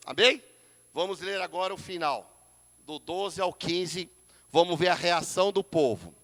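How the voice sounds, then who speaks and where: A Brazilian pastor with a high-pitched voice preaches with emphasis and keeps turning to the congregation as brother. His delivery moves between soft asides and raised declarations, and a long church reverb follows every phrase. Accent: Brazilian Portuguese. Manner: emphatic, repeatedly addresses listeners as brother. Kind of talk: sermon.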